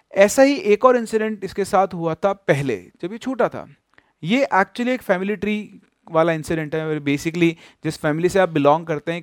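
A man from Rajasthan telling a ghost story in a dramatic, animated way, speaking straight to the listeners. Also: a little high, no echo, clean studio sound. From Rajasthan, India. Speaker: storyteller host. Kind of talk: spooky storytelling.

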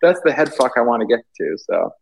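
A man's voice: medium pitch, big pitch swings, a little fast, vocal fry, breathy edge, poor audio. A British man, an artist guest, talking casually and hesitantly with many fillers and restarts. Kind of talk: casual interview chat.

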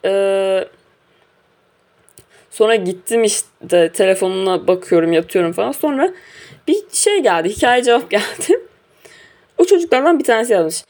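A woman's voice: medium pitch, animated, normal speed, long pauses, a little mellow. A young woman casually recounting a personal story, animatedly acting out quoted dialogue.

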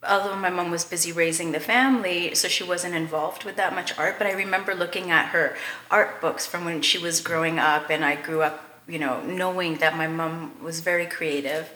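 A woman's voice: lowish voice, pushed and bright, roomy sound. A Canadian woman, a podcast guest, chatting casually and enthusiastically with frequent fillers and laughs. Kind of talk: casual interview chat.

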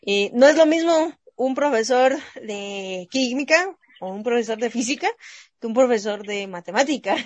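Lady math teacher chatting, kinda high voice, stops and restarts a lot, dry close mic. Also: animated, normal speed, no room sound. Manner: thoughtful, hesitant, asks for agreement with "¿verdad?". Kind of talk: casual panel discussion.

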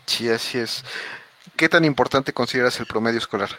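A man hosting a casual podcast interview, asking questions in a relaxed, conversational way with many fillers. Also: medium pitch, brisk, dry recording.

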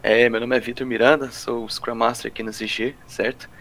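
Medium-pitched Brazilian man, casual podcast guest. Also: flat delivery, a little fast, fairly bright tone. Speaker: podcast guest, Scrum Master. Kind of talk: casual self-introduction.

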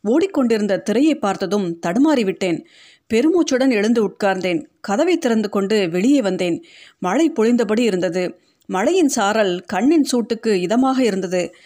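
A woman narrating a short story in an audiobook, reading in a steady, measured way. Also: medium pitch.

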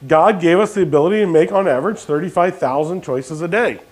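A man's voice: fairly high pitch, fast talker. A pastor preaching a sermon, questioning his congregation and dropping jokey asides. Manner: call-and-response questions to the congregation.

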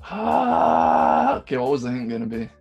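A man's voice: mid-range voice, big pitch swings, moderate pace, dull audio, faint music behind. A man co-hosting a casual podcast, playing along as a quiz contestant, easygoing and laughing often as he thinks aloud.

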